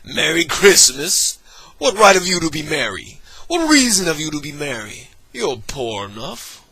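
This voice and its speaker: A man's voice: mid-range voice, takes it slowly, pushed and bright, breathy edge, no echo, full character voice. A man voicing a grumpy, miserly old man who snaps out short, scornful outbursts.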